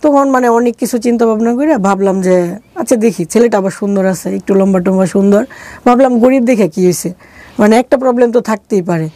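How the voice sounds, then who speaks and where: Her voice mid-range and mellow, a middle-aged woman with a Bangladeshi accent talks briskly through a personal story as an interview guest. She keeps it conversational and colloquial, acting out the dialogue she quotes, on a dry recording.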